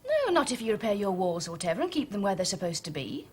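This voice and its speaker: A woman's voice: medium pitch, sing-song, husky. An actress playing a composed female police inspector who speaks firmly and measuredly in a British TV police drama. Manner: firm, measured, authoritative.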